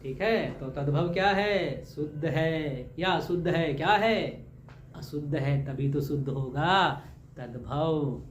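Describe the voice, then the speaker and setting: A man teaches grammar for an exam, his voice sitting a little high. He keeps firing questions and repeating the answers with a playful, homely touch. The recording echoes around the room over a faint ambient hum. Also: slow. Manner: joking, homely teacher talk. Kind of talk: exam-prep grammar lesson.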